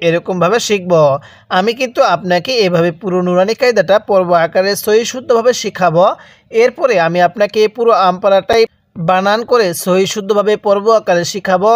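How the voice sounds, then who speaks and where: Here a man from Bangladesh, his voice sitting high, leads a Quran reading lesson one step at a time. Syllables come slow and drawn out as he repeats them and prompts his student to follow. The sound is studio quality with no echo.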